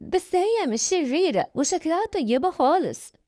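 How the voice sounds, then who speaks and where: A woman voicing a gentle, fearful six-year-old girl. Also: very high-pitched, very animated, moderate pace, dry recording, clean studio sound, voice pushed up. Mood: timid. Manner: fearful, soft.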